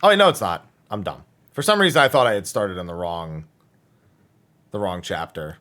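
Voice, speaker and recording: A man's voice: low-pitched, huge pitch swings, normal speed, a bit bright. A man streaming a video game, thinking aloud about his plans, swearing freely and laughing at the game. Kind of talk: casual live game commentary.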